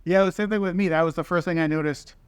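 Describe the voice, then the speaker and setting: A man co-hosting a casual review podcast, talking in an excitable, rambling way with many restarts. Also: on the high side, rapid-fire, smooth, no room sound. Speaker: podcast co-host. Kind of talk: casual chat.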